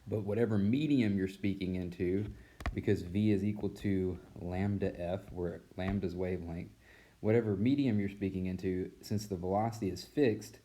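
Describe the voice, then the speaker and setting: A man who teaches physics, giving a casual recorded mini-lesson in a relaxed, rambling way with many fillers. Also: low voice, normal speed, slight background noise. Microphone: tablet mic.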